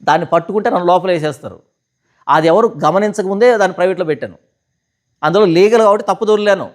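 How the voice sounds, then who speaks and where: A man, a pastor answering questions in a heated session. He argues forcefully and keeps throwing rhetorical questions back at his listeners. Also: high voice, quick pace. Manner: argumentative, fires rhetorical questions.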